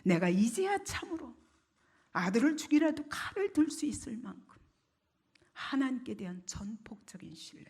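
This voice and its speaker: A woman pastor preaching with a high, lively voice that leaps around in pitch. She moves from emphatic declarations down to hushed, almost whispered lines and keeps asking the congregation questions. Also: normal speed, breathy edge. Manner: asks the congregation rhetorical questions. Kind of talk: sermon.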